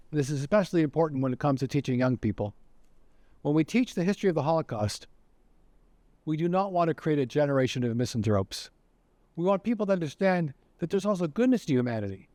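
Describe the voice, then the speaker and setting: A man's voice: a little high, a little mellow, no room sound. A man giving a recorded educational lecture as director of education, telling stories earnestly. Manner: earnest storytelling.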